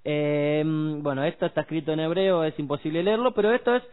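A man's voice: on the high side, fairly even intonation, brisk. A man, talking about faith on a radio show in a preachy, emphatic way and using homely examples. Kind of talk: casual devotional radio chat. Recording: tinny phone-like radio audio.

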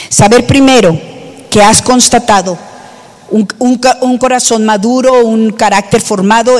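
Woman preaching in a reverberant hall. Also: on the high side. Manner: emphatic, rhetorical questions to the congregation. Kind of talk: sermon.

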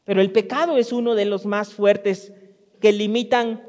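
High-voiced pastor preaching. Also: male voice, steady tone, normal speed, a little mellow. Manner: speaks directly to the congregation, storytelling with frequent restarts. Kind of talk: conversational sermon. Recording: long hall reverb.

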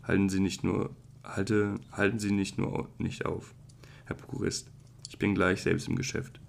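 A man voicing a young male clerk turned into an insect, apologizing in a hurried, stumbling way while reading an audiobook. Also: sits low, little pitch movement, gravelly. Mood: flustered pleading.

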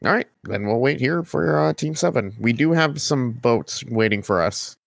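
A man's voice: mid-range voice, animated, moderate pace, creaky, slight background noise. A man playing a tabletop game, improvising in character in a casual, wry, informal way. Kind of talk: casual improvised role-play.

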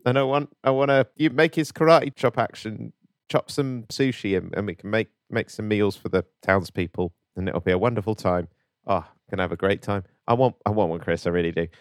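A man's voice: sits low, a little fast, no echo. Giggly man, dry close sound. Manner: laughs a lot, plays dumb, stammers and repeats words. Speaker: co-host. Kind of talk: comedic casual chat.

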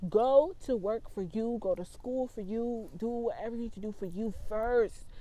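A woman's voice: fairly high pitch, normal speed, dark tone. Blunt, profane young woman ranting. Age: 20s. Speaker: vlogger. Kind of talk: storytime vlog rant.

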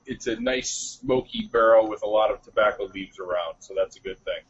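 A man co-hosting a casual show over a telephone line, so muffled that he sounds like he is inside a barrel. He talks in an animated, stumbling way and exclaims "good gracious". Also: on the low side, fairly quick, husky. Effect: muffled phone line that sounds like he is inside a barrel. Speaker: podcast co-host. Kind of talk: casual chat.

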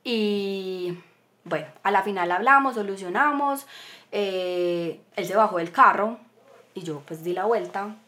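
A young woman telling a personal story as a podcast guest, earnest, moving between animated and hushed. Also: medium pitch, measured pace.

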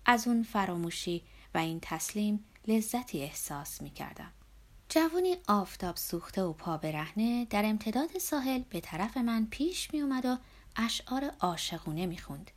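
Woman, audiobook narrator, literary novel, measured, reflective, soft trailing delivery. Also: mid-range voice, big pitch swings.

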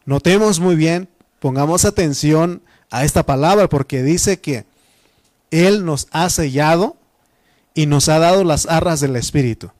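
A man's voice: fairly high pitch, unhurried, darkish tone, no room sound. A Mexican man preaching a Bible study sermon in a teaching manner, repeating phrases and using frequent fillers. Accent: Mexican Spanish.

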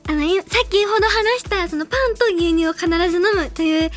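A woman's voice: very high-pitched, quick pace, soft background music. A young woman from Hiroshima hosting a solo radio segment, talking chattily and earnestly with many small fillers. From Hiroshima, Japan. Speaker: radio show host.

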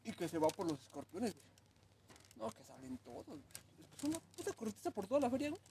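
A man's voice: very high voice, very animated, quick pace, creaky, background noise. A man with a Mexican accent in casual chat, telling rambling stories full of swearing. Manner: profane, rambling storyteller. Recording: crowd chatter in background.

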